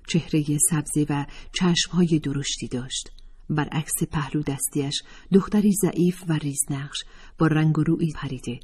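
A woman narrating a novel in first person, with calm, measured storytelling. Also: low-pitched, breathy edge. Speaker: audiobook narrator.

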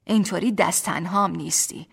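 A woman voicing a gentle teasing young husband. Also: on the low side, fairly even intonation, creaky, breathy edge.

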